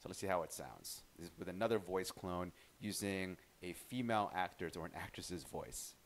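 Low-voiced man in a casual tutorial. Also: normal speed. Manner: chatty, relaxed, with frequent restarts. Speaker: tutorial host. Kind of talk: casual screen-recorded software tutorial.

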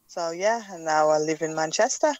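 A woman's voice: sits low, normal speed, dry recording, highs cut off. A woman from Jamaica with a Jamaican accent, chatting as a podcast guest with plenty of fillers. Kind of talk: casual interview.

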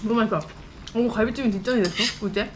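A woman's voice: fairly high pitch, quick pace, a little hiss or hum. A woman vlogger chatting casually while eating, talking with her mouth full of noodles, humming and murmuring between enthusiastic exclamations. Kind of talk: casual eating vlog chat.

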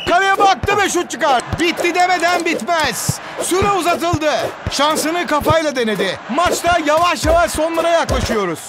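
A man voicing an excitable football commentator in a video game, with screaming, exclamatory calls. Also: extremely high pitch, normal speed. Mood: keyed-up. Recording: game music and crowd noise behind. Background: music and stadium crowd.

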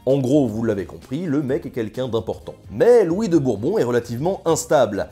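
A man's voice: mid-range voice, big pitch swings, brisk, dark tone, faint music behind. A young man narrating history in a casual scripted style, full of ironic, slangy asides. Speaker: history video host.

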